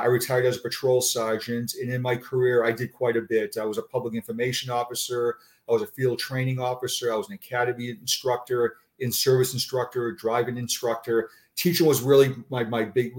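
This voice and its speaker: A man in his fifties with a Boston accent, giving a conversational personal account as an interview guest, often repeating words haltingly. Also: mid-range voice. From Massachusetts, United States. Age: 50s. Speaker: interview guest, retired police officer.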